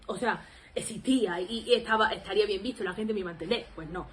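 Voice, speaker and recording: A faint hiss or hum sits under the quick, mid-range voice of a woman in her twenties from Spain. Speaking with an Andalusian accent, she introduces her language vlog by rambling casually to the camera. She's self-deprecating and laughs a lot, with frequent fillers.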